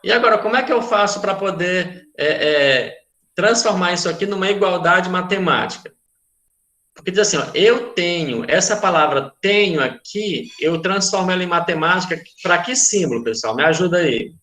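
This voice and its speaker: A math teacher with a Brazilian Portuguese accent explains a word problem in an online class, patiently repeating himself and checking that students keep up. His voice sits high with lively intonation and a moderate pace, and his tone is bright and forceful in a roomy-sounding space.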